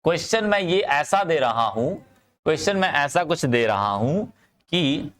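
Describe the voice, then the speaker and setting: Male online chemistry tutor, slightly higher voice, repetitive and coaxing with students. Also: very animated, a bit bright. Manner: urges students to answer quickly, repeating phrases; calls students "bachcha" and "bhai". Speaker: chemistry teacher. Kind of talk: live online class lecture.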